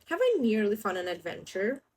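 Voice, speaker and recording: A woman's voice: mid-range voice, huge pitch swings, moderate pace, a little mellow, slight background noise. A woman voicing a small, eager young male penguin in a children's storybook reading, cheerful and curious.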